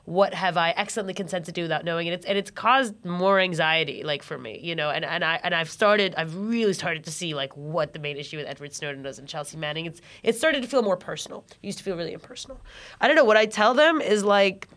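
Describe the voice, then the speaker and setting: A woman co-hosting a casual podcast chat with a somewhat low voice. She talks in a reflective, informal way, with the occasional swear word. Her speech wanders as she thinks aloud. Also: quick pace, fairly bright tone. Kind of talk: casual discussion.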